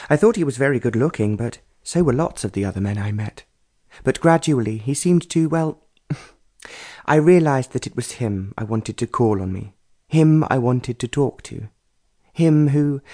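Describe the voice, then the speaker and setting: A man's voice: medium pitch, expressive, measured pace, mellow. A man voicing a pretty young society woman who is dreamy and lovestruck, talking in a gushing, sighing way.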